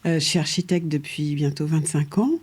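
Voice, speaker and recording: A low, husky-voiced middle-aged woman, a guest architect, chats in a casual interview, hesitant with many fillers and restarts and light laughs. She is French and was raised in Paris from age two.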